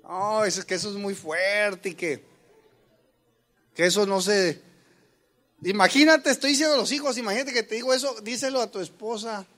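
A middle-aged man, a pastor giving a humorous sermon; he jokes with the congregation, calls them brothers, and suddenly shouts quoted commands. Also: sits high, normal speed, pauses often.

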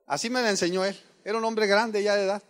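A man's voice: high voice, steady tone, fast, a bit bright. A man, a pastor giving an earnest, conversational sermon and firing rhetorical questions at the congregation. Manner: earnest, addresses listeners as brothers, rhetorical questions.

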